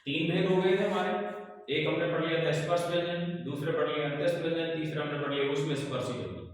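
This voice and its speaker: A man teaching a Hindi grammar lesson for exams, asking questions and answering them himself, often dropping his pitch at the end of a point. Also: fairly even intonation, quick pace. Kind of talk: exam-prep lesson. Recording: very echoey room with long reverb, voice far from the mic.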